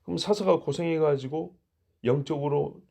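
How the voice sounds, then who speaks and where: A man's voice: fairly high pitch, moderate pace, gravelly, warm tone. A male pastor giving an early-morning sermon in a conversational way, asking the congregation rhetorical questions. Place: church.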